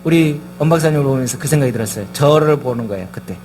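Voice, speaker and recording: A man's voice: medium pitch, racing, noisy background. A male pastor preaching a sermon in a church, emphatic and firing rhetorical questions at the congregation. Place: church sanctuary.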